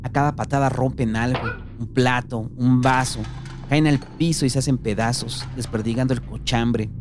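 A man's voice: mid-range voice, fairly even intonation, moderate pace, background noise. A man with a Mexican accent reading a gritty, slang-heavy story aloud. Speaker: narrator.

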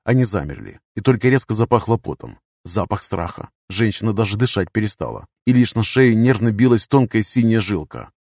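A man with a lowish voice reading an audiobook in the first person. His manner is wry and cynical, steady and matter-of-fact. The recording is dry and close, with no room sound. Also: fairly quick, gravelly, few pauses, no echo. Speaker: audiobook narrator.

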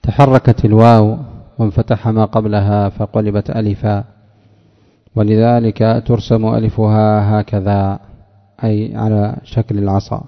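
A man teaching Arabic word morphology in a lecture, who asks his class questions, answers them himself and drags out example words slowly. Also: lowish voice, little pitch movement. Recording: dull lo-fi recording with long hall reverb.

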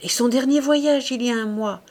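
A woman reading the lines of an eager, gossiping spinster in an audiobook, brisk and insistent. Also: fairly high pitch, darkish tone, voice pushed up, lightly acted.

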